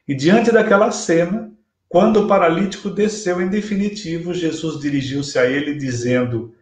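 A man in his fifties with a Brazilian Portuguese accent, giving a live-streamed spiritist lecture from a small room at home, retelling a gospel story in a measured, emphatic way over a webcam. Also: fairly high pitch. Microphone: webcam at desk distance, video call. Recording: echoey room via webcam.

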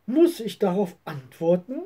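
Woman doing a calm, firm mother. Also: medium pitch, a little slow, breathy edge. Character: patient, firm mother of two.

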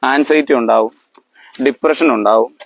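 A man's voice: medium pitch, vocal fry, a little hiss or hum. A man explaining things to his family in a lecture-like way, often stopping to ask if they understand. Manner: quizzes listeners, keeps asking if they understand; halting, with fillers and restarts.

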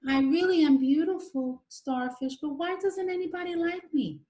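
A woman's voice: high-pitched, moderate pace, dark tone, voice pushed up, close to an everyday voice. A woman voicing a proud, vain male fish in a storybook reading, speaking in a haughty manner. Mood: wistful. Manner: haughty, then wistful. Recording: roomy echo.

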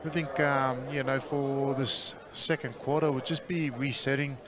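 A man, a former player, commentating live in a relaxed, hesitant way with plenty of fillers. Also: mid-range voice, measured pace. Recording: crowd noise behind.

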